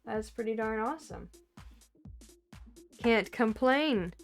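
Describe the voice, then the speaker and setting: A woman's voice: on the high side, takes it slowly, soft background music. A woman vlogging an unboxing off camera, gushing, laughing often and trailing off mid-sentence, recorded on a camera mic at home. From Canada. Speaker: card collecting vlogger.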